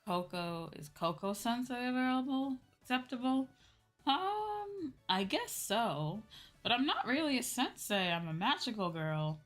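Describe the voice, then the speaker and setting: A young woman livestreaming as a VTuber chats casually with her audience over background music. Her fairly high voice swings widely in pitch at a measured pace, and she answers chat in a musing, hesitant way, sounding a little sore and tired from talking all day.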